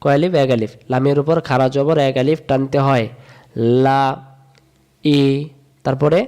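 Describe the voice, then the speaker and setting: A man from Bangladesh, teaching a step-by-step recitation lesson, repeating rules in a sing-song chant and drawing sounds out slowly. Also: mid-range voice, steady tone, a little mellow. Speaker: Quran reading teacher.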